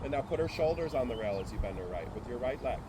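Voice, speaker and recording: A man's voice: medium pitch, animated, fast talker, noisy background. A man coaching a rider as a tough-love mentor, blunt and exacting but encouraging, calling out short, repeated commands. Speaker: horse riding coach. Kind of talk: live riding instruction.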